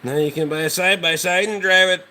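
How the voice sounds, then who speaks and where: Speaking fast in a high, pushed, bright voice with a steady tone, this Rhode Island livestream host answers his viewers casually. His local accent comes through, and he's blunt, dismissive, and swears a lot.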